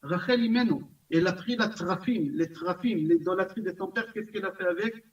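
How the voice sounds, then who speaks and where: A man, a rabbi, teaching a class in an animated way, repeating himself and asking his listeners questions. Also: sits high, fairly quick. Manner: animated, repetitive, asks the audience questions. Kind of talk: recorded Torah class lecture. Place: community center classroom. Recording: distant, dull lo-fi room recording.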